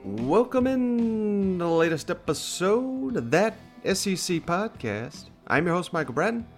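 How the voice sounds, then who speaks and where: A man's voice: high voice, very animated, unhurried, soft background music. A man hosting a podcast, talking sports in a casual, conversational way. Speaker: podcast host.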